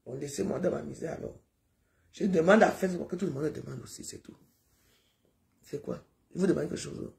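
Gravelly woman rambling on a live stream. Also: deep voice, brisk, long pauses, a little mellow. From Cameroon. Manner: rambling, pleading, repeats herself.

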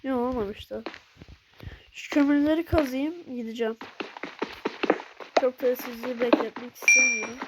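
Stuffy nosed girl yapping thru a let's play, high voice, hyped, loud hiss in the background. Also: moderate pace, long pauses. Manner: excitable, chatty, swears playfully. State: stuffy nose. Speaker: gaming channel host. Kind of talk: casual let's play commentary.

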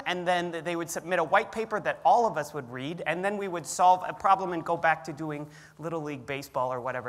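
Energetic young man on a big stage. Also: sits high. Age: young adult. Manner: energetic, conversational, gesturing. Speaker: keynote speaker. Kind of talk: live stage talk. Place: large auditorium stage. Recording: reverberant hall.

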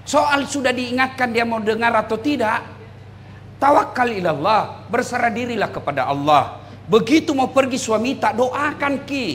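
A middle-aged male preacher from South Sulawesi with a Makassarese Indonesian accent, delivering a humorous sermon. His voice sits high for a man and he teases the crowd, often breaking into shouts. A faint hum of room noise lies under his speech. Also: normal speed. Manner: animated, teasing, rising to shouts. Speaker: Islamic preacher.

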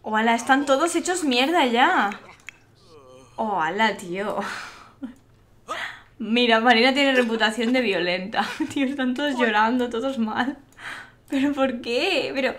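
A woman's voice: on the high side, a little slow, pauses often, fairly bright tone. A young woman with a Spain Spanish accent commentating a life-sim game live, chatty, exasperated and swearing freely. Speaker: streamer.

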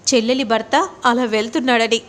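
A woman's voice: a little high, flat delivery, brisk, natural voice. A woman voicing a scheming young villainess who speaks insistently, in a serial recap.

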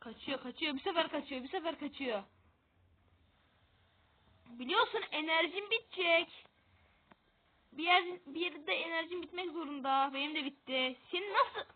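High-voiced woman gamer on tinny audio. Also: normal speed, pauses often. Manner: excitable, self-mocking about losing. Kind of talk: casual gameplay commentary.

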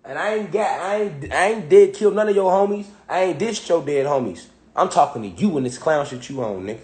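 A man's voice: a little high, animated, a little fast, darkish tone. A man in his thirties giving confrontational reaction commentary, calling out a rapper directly in heavy street slang. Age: 30s. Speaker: commentator reacting to rap songs.

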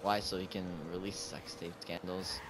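A man's voice: deep voice, level tone, moderate pace. A young man chatting casually and crudely with friends while gaming, swearing as he jokes. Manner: crude, foul-mouthed banter. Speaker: gamer in a group voice chat. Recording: noisy gaming voice chat.

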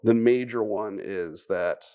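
A conference speaker gives a live technical talk in a conference room before an audience, his voice on the low side, slow, dark, clear and resonant. His style is wry and conversational. He puts questions to the audience and drops wry asides.

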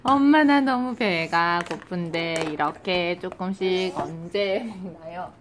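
A woman's voice: fairly low pitch, slow, pitched below the performer's own voice. A woman voicing her hungry, impatient baby's thoughts, pleading politely with its mother in a whiny tone. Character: hungry impatient baby, politely complaining to mom. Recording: noisy home recording.

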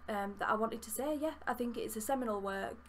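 With a voice on the high side, a young Yorkshire woman talks fast and excitedly about a book she's reviewing at her desk for a casual vlog, using plenty of fillers. She's indoors in a small room with bookshelves, and there's a little hiss or hum on the recording.

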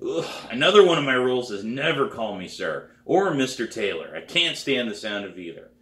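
A man's voice: medium pitch, very animated, a little fast, fairly bright tone, reverberant, voice pushed up. A man voicing a blunt, stern drum teacher. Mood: firm. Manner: blunt, firm, demanding. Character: stern, no-nonsense adult male drum teacher.

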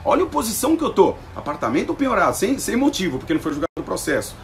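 Man, slangy defiant rant, lively pitch, quick pace. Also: slight background noise. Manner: fast, animated, slangy and combative. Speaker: vlogger reacting to a TV report. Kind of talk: casual defiant vlog rant.

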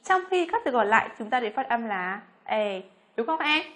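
Vietnamese woman teacher, high voice, drags out the example words slow and clear. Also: expressive, fairly bright tone. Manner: slow, drawn-out model words between quicker explanations. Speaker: English pronunciation teacher. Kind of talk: pronunciation lesson.

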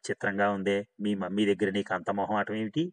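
Audiobook: a man voicing a chatty, eager young woman, bubbly and quick to gush, in a low voice read with light lift. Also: flat delivery, natural voice. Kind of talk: audiobook dialogue reading.

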